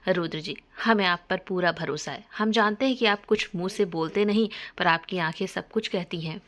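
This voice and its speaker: A woman's voice: lowish voice, normal speed, a bit bright, close to an everyday voice. A woman voicing a shy, polite young woman in love in a romance story, speaking earnestly.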